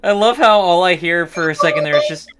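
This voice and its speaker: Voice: mid-range voice, quick pace, over a noisy crowd. A streamer hosting a live stream, chatting casually in a musing, rambling way with frequent restarts. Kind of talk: casual chat.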